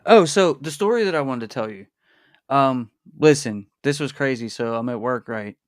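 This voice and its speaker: A man's voice: medium pitch, animated, moderate pace, no room sound, studio quality. A young man hosting a casual livestream podcast, telling stories in a laid-back, slangy way. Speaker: podcast host.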